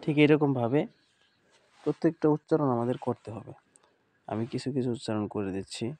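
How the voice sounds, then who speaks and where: A man's voice: medium pitch, brisk, warm tone. A man teaching an online Quran reading lesson, patiently sounding out syllables one by one and speaking to his students as a group. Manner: uses pious phrases, addresses students as a group.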